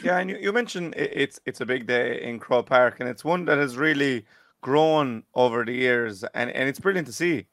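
A man's voice: mid-range voice, moderate pace, a bit bright, dry recording, clean studio sound. A man hosting a casual sports podcast and putting questions to guests. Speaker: podcast host, interviewer.

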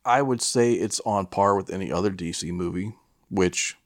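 Co-hosting a casual podcast chat reviewing a film, a man with a deep voice speaks at a moderate pace. He feels his way through his opinions hesitantly, searching for words and swearing casually now and then. The recording is dry and studio quality.

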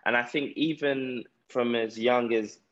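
A man's voice: medium pitch, steady tone, unhurried, fairly bright tone, highs cut off. A man with a South London accent telling his own story conversationally as an interview guest. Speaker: podcast guest, entrepreneur. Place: remote call from Ghana.

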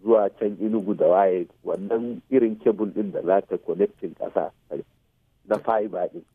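A man's voice: fairly low pitch, steady tone, moderate pace, slightly rough, no echo. A man with a Nigerian Hausa accent explaining things as an expert radio guest, mixing in English technical terms and checking that the listener follows. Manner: checks listener follows with short tag questions. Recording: muffled phone-like radio sound.

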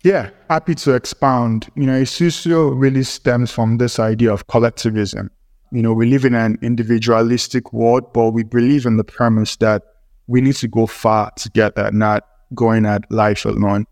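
An earnest man answers interview questions as a company co-founder, favouring formal phrasing and maxims. His mid-range voice moves little in pitch and is recorded dry. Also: little pitch movement, normal speed, a little mellow, dry recording. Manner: earnest, formal wording with aphorisms. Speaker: startup co-founder, guest.

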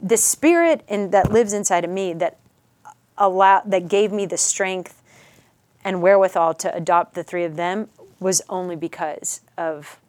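A middle-aged woman telling a personal story as a podcast guest, earnest and halting, sometimes dropping to a near whisper. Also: on the low side, a little mellow, dry recording.

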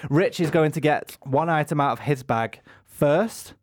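A man's voice: fairly high pitch, unhurried, no echo, studio quality. A man hosting a podcast in natural, unscripted talk with friends, repeating himself as he organises the group. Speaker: podcast host.

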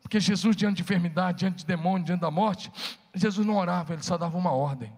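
High-voiced gravelly preacher man. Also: fast talker, a little mellow, long reverb tail. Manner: preaching with call-and-response to the congregation. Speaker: pastor. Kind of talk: sermon.

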